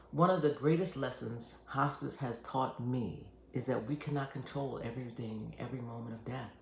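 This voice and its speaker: A man with a creaky, gravelly voice presents scripted educational material as a hospice nurse. His delivery is measured, earnest and reassuring. The recording is roomy and echoing, with faint noise behind him. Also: medium pitch, a little mellow. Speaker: hospice nurse and channel host. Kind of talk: scripted educational narration to camera.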